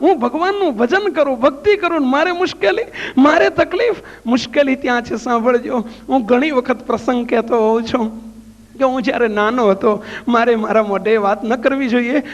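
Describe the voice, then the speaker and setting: A man, a monk preacher, giving a devotional sermon with folksy anecdotes, asking rhetorical questions and repeating phrases. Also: very high voice. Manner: storytelling, folksy. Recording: echoey hall, dull lo-fi sound.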